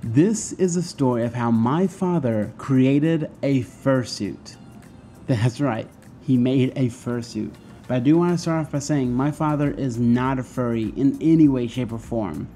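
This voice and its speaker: Brief: upbeat young man vlogger, voice very dark and muffled through a costume head, faint music under. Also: mid-range voice, a little slow. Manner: upbeat, chatty. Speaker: furry vlogger. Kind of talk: casual storytelling vlog.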